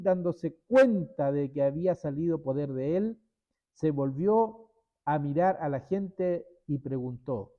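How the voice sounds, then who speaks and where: A man's voice: a little high, dull audio. A man leading a church Bible study. He reads scripture aloud, then explains it in his own words and checks in with his listeners.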